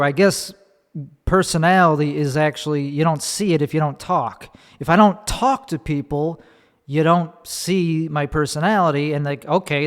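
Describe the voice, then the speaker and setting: A male comedian with a Chicago accent delivers a solo podcast monologue, ranting profanely, rambling, and restarting sentences partway through. His voice is slightly high, and the echoey room adds long reverb.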